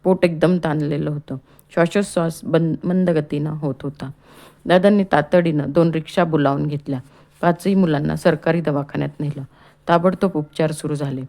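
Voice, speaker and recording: Low-voiced woman reading a story. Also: fairly even intonation, moderate pace, gravelly, warm tone. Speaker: audiobook narrator. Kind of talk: scripted storybook narration.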